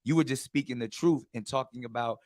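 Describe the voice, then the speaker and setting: A man hosts a casual talk show, chatting with a guest in a medium-pitched voice at a slightly quick pace. He's animated and keeps restarting his sentences. The recording is dry and studio quality.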